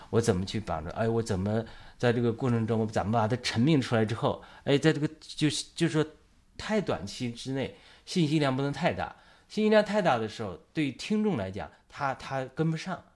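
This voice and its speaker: A man's voice: medium pitch, a little mellow. A man hosting a casual church discussion, talking in long rambling stretches full of fillers and restarts. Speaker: host of a church talk show.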